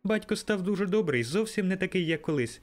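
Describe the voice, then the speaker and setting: A man's voice: high-pitched, expressive, a little fast, pitched above the performer's own voice. A man reading an audiobook, voicing a joyful, eager little girl who chatters breathlessly. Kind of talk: audiobook character voice.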